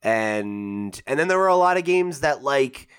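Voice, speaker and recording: A man in his twenties co-hosts a gaming podcast, chatting casually and rambling, full of fillers and restarts. His mid-range voice is animated, clean and fairly bright, and he takes his time.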